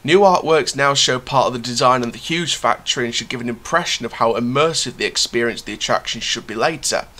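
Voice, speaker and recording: A young man from the United Kingdom talks through a theme park news update in a bright, forward voice. His delivery is chatty, full of fillers and restarts. He records himself in a small room at home with the camera close to his face. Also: mid-range voice, a little fast, few pauses. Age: young adult. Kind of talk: news update reading, then casual commentary.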